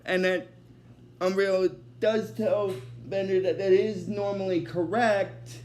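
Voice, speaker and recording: High-voiced rambling man recapping an episode. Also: fairly even intonation, slow, darkish tone, slight background noise. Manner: rambling, leans heavily on "basically" and restarts. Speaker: host of an episode recap series. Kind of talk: casual unscripted episode recap.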